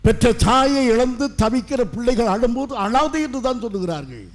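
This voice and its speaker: A middle-aged male pastor preaching an impassioned sermon, swinging between loud declarations and hushed asides. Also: very high-pitched, expressive, normal speed.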